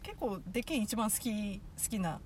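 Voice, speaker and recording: A woman's voice: medium pitch, expressive, moderate pace. Playful young woman, noisy line. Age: young adult. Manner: playful, shows off the rough dialect, chuckling. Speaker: podcast co-host. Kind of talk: casual chat among friends. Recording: background noise.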